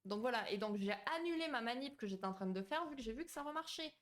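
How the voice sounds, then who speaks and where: A woman's voice: a little high, expressive, fast. Brief: woman streamer, casual, greets chat, hesitant "euh" delivery, on a home mic. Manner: chatty, warm toward viewers, many fillers and restarts. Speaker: psychology streamer hosting a live. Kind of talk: casual live-stream talk, reading chat.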